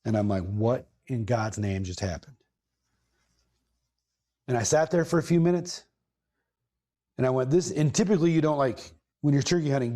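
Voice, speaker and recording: A man tells a long story on his podcast, mid-pitched and casual. He rambles, backs up to correct himself, and leans into bursts of emphasis. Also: mellow. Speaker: podcast host.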